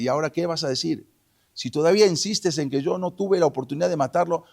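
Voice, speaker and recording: A man voicing a bold, righteous young male leader who calls out loudly and accusingly. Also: fairly high pitch, vocal fry, pitched above the performer's own voice. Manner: loud, raised, accusing calls.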